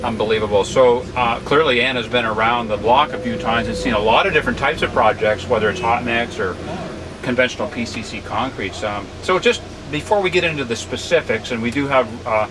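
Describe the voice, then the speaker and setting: A man's voice: mid-range voice, fairly quick, noisy background. A middle-aged American man hosting in a casual, chatty, enthusiastic and emphatic way. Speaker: host.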